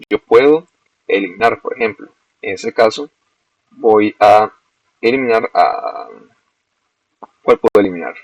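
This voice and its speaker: A young man, a student walking through a screen-recorded software demo step by step and correcting himself as he goes. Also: fairly low pitch, gravelly, slightly rough, dry recording. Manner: explains step by step, self-corrects. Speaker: student presenting a project. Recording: dull, lo-fi dry recording.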